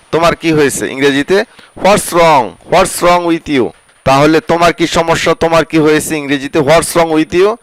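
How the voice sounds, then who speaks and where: A man teaching a word-by-word language lesson, slowly repeating each word and its meaning. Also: medium pitch, a bit bright, dry recording, low-quality recording. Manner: slow, repetitive drilling of words and their meanings.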